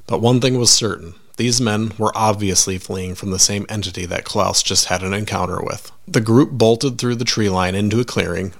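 A man narrating a scripted horror story in a measured, dramatic way and hosting the podcast. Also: lowish voice, vocal fry, a bit bright.

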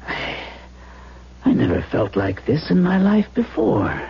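An actor playing a practical, brooding man in a haunted-house radio drama, halting as he finds words. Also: a little high, huge pitch swings, gravelly, slightly rough, heavily acted. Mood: heavy, sorrowful. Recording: dull old radio broadcast.

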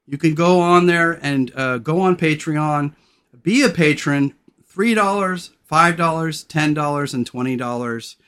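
Brash, swearing male podcast host. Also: clear, resonant tone. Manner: brash, irreverent, swears, loud radio delivery; switches to low, slow, soft talk when sincere. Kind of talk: casual podcast chat.

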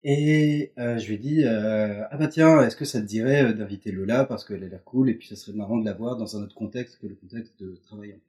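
Man in his thirties, mellow low voice, loose rambling storytelling, fillers everywhere. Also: brisk, hardly any pauses. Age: 30s. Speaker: interview guest. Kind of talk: casual chat. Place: couple's apartment.

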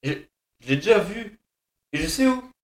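A man's voice: sits high, sing-song, normal speed, voice pushed up. A man voicing a nervous young police officer who stammers and hesitates. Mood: hesitant.

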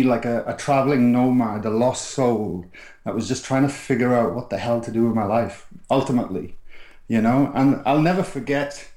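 A middle-aged man from South Wales with a Welsh accent tells his life story as a podcast guest in a casual storytelling interview. He rambles, restarts often and leans on fillers. His voice is medium-pitched with a darkish tone, in an echoey room.

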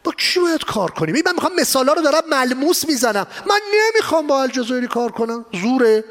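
A man giving an animated seminar lecture on exporting, asking rhetorical questions and mixing in English phrases. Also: very high voice. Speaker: export trainer. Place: exhibition hall.

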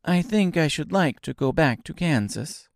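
A man's voice: animated, moderate pace, vocal fry, no echo, clean studio sound. A man voicing Dorothy, an earnest, eager young girl, in a raised girlish tone during a storybook reading. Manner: high, bright girlish voice.

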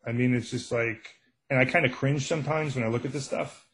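A man's voice: medium pitch, steady tone, fairly quick, fairly bright tone. An older middle-aged man with a Brooklyn accent, talking casually and anecdotally as an author being interviewed. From Brooklyn, New York. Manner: anecdotal, acts out quoted exchanges. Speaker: true crime author, podcast guest.

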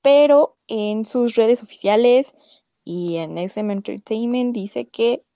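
A woman's voice: on the high side, slow pace, dark tone, no room sound, lo-fi sound. A woman co-hosting a casual podcast chat, correcting herself as she goes. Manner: chatty, self-correcting. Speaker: podcast co-host.

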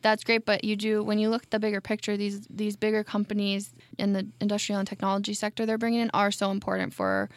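A woman in her late twenties co-hosting a casual podcast chat, relaxed and chatty with lots of fillers. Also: mid-range voice, fast, hardly any pauses, no room sound, studio quality. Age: 20s. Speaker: podcast co-host. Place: studio.

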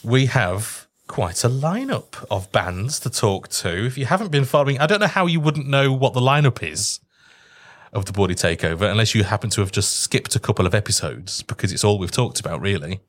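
A man's voice: on the low side, animated, fairly quick. A British man hosting a podcast with casual, teasing banter. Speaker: podcast host.

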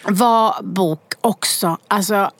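Woman podcast co-host, chatty and animated, quick to laugh, dry close mic. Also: mid-range voice, dry recording. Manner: animated storyteller, acts out quoted voices, laughs often. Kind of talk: casual chat.

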